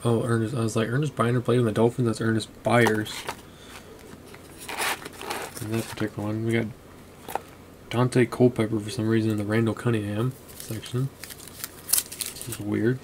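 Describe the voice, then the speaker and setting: A man's voice: on the low side, level tone, normal speed, long pauses, background noise. A man casually narrating while he sorts through a box of collectibles at his desk, chatty and muttering as he goes. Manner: chatty, muttering names as he flips through cards. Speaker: card collector vlogger. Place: desk at home, indoors.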